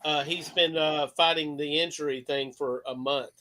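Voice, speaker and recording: A man in his fifties hosts a loose sports chat with a sharp, bright voice that sits fairly high. He rambles, swears freely and pushes his opinions hard. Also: steady tone, moderate pace, low-quality recording. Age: 50s. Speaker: host.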